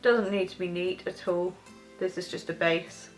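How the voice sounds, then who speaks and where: A woman's voice: on the low side, fairly even intonation, normal speed, faint music behind. A young woman chatting casually and rambling a little as she does her makeup, vlogging from her bedroom. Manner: rambling, casual, talks while doing makeup. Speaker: beauty vlogger host. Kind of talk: chatty get-ready-with-me makeup tutorial. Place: bedroom, sitting on her bed.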